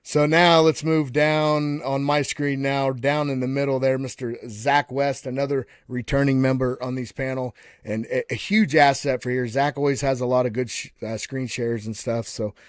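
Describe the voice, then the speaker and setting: A man's voice: mid-range voice, level tone, normal speed, hardly any pauses, smooth, no echo, studio quality. Folksy man hosting a live panel. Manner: folksy, calls everyone guys and buddy; frequent restarts and repeated words. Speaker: host of a live panel show. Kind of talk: casual live panel introduction.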